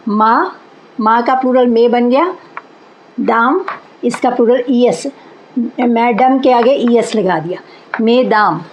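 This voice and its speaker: A woman's voice: fairly high pitch, takes it slowly, pauses often, muffled recording, slight background noise. A woman teaching English grammar in Hindi, explaining patiently and repeating each example word.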